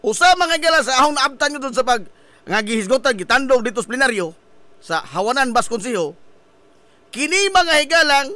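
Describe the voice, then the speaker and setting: A man's voice: very high-pitched, sing-song, brisk, pushed and bright, a little hiss or hum. A man hosting a local radio talk show, joking, laughing at his own quips and asking listeners rhetorical questions.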